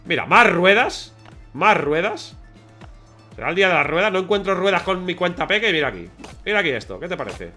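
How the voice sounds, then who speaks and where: A man with a Spain Spanish accent giving chatty, excitable live gameplay commentary to his viewers. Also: high voice, a little fast, faint music behind. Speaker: gaming streamer.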